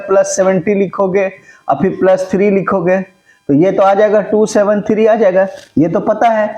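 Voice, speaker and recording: A man's voice: high-pitched, warm tone. A man teaching a maths lesson, often checking that his students follow along. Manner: mixes Hindi with English terms. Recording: echoey room.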